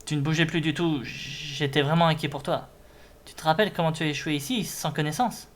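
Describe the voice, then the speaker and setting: A man's voice: a little high, steady tone, fairly quick, natural voice. Man voicing an earnest, friendly young game creature. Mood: worried, relieved. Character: friendly, concerned young Pokémon who loves the beach.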